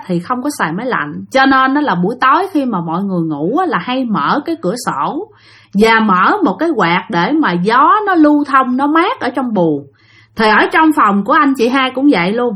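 Woman storyteller host, Southern Vietnamese accent; chatty ghost-story narration, speaks straight to the audience, pitch a touch high. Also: a bit bright, breathy edge. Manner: chatty, addresses listeners directly.

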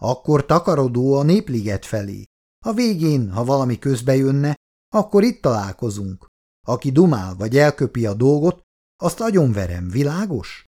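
A man's voice: mid-range voice, sing-song, warm tone. Man putting on a bossy teenage gang leader. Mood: commanding. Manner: commanding, threatening.

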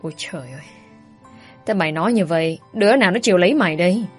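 A woman's voice: fairly low pitch, expressive, husky, faint music behind. A woman doing a bossy scolding mother. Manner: scolding, brisk. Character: older mother, bossy, scolding, scheming matchmaker.

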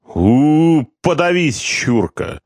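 A man voicing a drunk, crude young corporal who shouts, swears and threatens. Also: medium pitch, very animated, slow, no echo, voice pushed up. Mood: drunken bullying.

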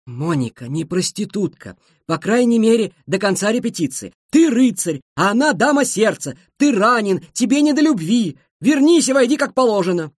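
A man voicing an excitable, fussy opera conductor who shouts stage directions in a theatrical way. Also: high-pitched, normal speed, hardly any pauses, no room sound, clean studio sound, pitched above the performer's own voice. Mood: commanding.

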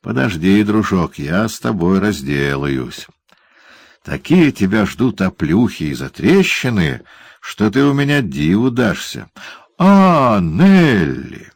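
A man's voice: lowish voice, very animated, slow pace, vocal fry, no echo, full character voice. A man voicing a cruel, gleeful male dwarf in an audiobook, barking orders with a snarl. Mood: gloating. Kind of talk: audiobook character voice.

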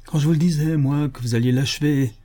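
A man's voice: mid-range voice, a little slow, dark tone, close to an everyday voice. A man voicing a bitter, infirm old woman who scolds and laments, in an audiobook reading. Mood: despairing.

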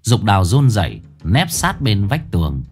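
A man narrating a ghost story in a dramatic, expressive way. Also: lowish voice, moderate pace, breathy edge. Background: faint background music.

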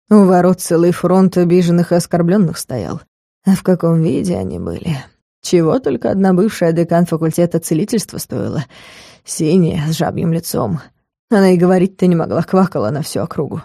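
A woman reading an audiobook puts on a weary male academy rector, his words slow, cold and deliberate. The voice stays warm and mellow underneath, dropped slightly lower. It sounds close and dry. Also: lively intonation, creaky, dry recording. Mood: cold stern. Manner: slow, measured, icy. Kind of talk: audiobook character voice.

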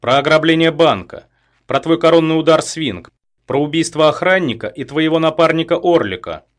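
A man voicing a frightened but defiant female investigator, pleading and shouting. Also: on the low side, expressive, brisk. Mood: desperate, defiant. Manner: pleading, shouting in raised tones.

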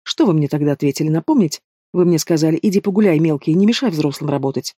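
A man's voice: on the high side, expressive, quick pace, mellow, no room sound, clean studio sound. A man voicing a sneering young male villain in an audiobook, taunting and drawling with casual menace. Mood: scornful. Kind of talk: audiobook character voice.

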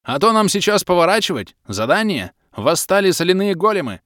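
A brash half-orc sellsword bellows every line over rushing wind, as a man reads him. His voice swings widely up and down. The recording is close and dry, with no room around it. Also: high voice, big pitch swings, fairly bright tone, dry recording. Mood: hollering. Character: loud brash male half-orc mercenary. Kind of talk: audiobook character reading.

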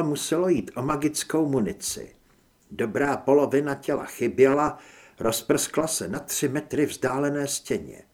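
A man's voice: on the high side, mellow. A man reading an audiobook in a dramatic, varied way as the narrator. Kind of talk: scripted narration.

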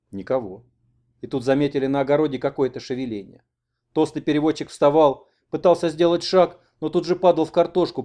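A man reading an audiobook in an expressive narrating style. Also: mid-range voice. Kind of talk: scripted narration.

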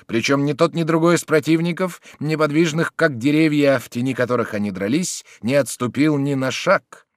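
A man narrating an adventure novel as an audiobook, reading in an expressive, dramatic way. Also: a little high, dry recording, studio quality. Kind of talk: scripted narration.

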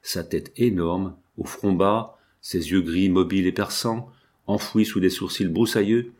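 Low-voiced male audiobook narrator. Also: steady tone, measured pace, darkish tone. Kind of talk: scripted narration.

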